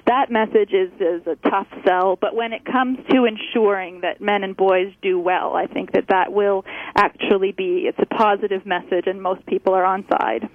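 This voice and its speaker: A woman's voice: medium pitch, steady tone, dry recording. Woman researcher on a tinny phone line. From Canada. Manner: measured, hesitant with fillers. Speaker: researcher guest. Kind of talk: radio interview by phone. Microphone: telephone line.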